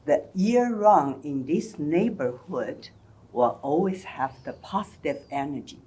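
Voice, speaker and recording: Low-voiced older woman, slow and mellow. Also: expressive, breathy edge. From China and Taiwan. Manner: careful, explanatory storytelling. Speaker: guest. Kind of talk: conversational interview.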